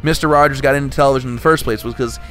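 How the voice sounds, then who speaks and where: Speaking rapid-fire in a steady, medium-pitched voice with a fairly bright tone, a young podcast host wanders through his thoughts, restarting often and cursing now and then. Faint music plays in the background.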